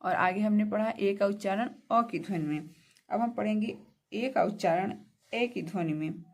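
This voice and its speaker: A woman's voice: medium pitch, normal speed, darkish tone. A woman teaching English pronunciation in a classroom lesson, spelling words letter by letter, repeating meanings and answering her own questions.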